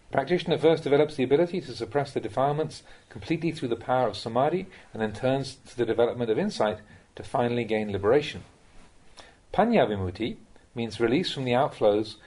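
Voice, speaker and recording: A mid-range, slightly husky voice with a darkish tone belongs to a man reading a Buddhist Dhamma talk as a monk. He teaches in a measured way, speaking directly to whoever is listening.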